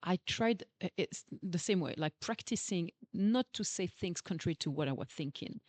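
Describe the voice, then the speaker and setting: A woman's voice: on the low side, expressive, normal speed, no echo. Woman host with a foreign accent. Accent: non-native English. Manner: warm agreeing, many "true" and "yeah" replies. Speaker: podcast host, interviewer. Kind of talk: casual interview questions.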